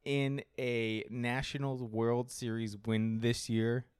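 A man's voice: medium pitch, little pitch movement, takes it slowly, darkish tone, clean tone, no echo, studio quality. A man co-hosting a casual podcast, joking and laughing often while he watches a game. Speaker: podcast co-host.

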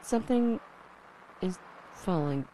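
A woman's voice: lowish voice, lively intonation, slow, heavy background noise. A woman playing a young survivor who broadcasts alone on the radio, rambling and self-deprecating, swearing when flustered, in an audio drama. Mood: wry. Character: young woman survivor, lonely, nervous, wry.

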